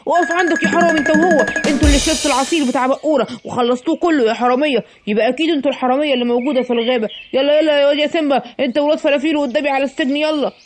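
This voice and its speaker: A woman's voice: high-pitched, steady tone, rapid-fire, few pauses, over music, lightly acted. A woman with an Egyptian accent voicing a stern male lion police officer in a children's cartoon, scolding and giving orders. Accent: Egyptian Arabic.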